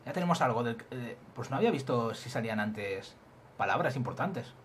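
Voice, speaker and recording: A man's voice: medium pitch, expressive, a little fast, slight background noise. A young man with an accent from Spain giving casual, joking gameplay commentary and swearing freely. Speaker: let's play host.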